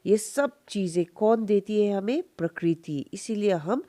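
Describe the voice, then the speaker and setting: Nepali-accented woman teacher, slow and mellow, drills syllables with lots of rising "okay?" checks. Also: medium pitch, expressive. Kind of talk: recorded Hindi class lesson for children.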